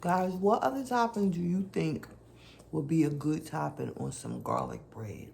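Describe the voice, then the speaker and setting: Woman, cooking vlog host, mellow dark tone, slight background hiss. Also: deep voice, big pitch swings, a little slow, creaky. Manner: savoring food with long hums; chatty, addresses viewers directly.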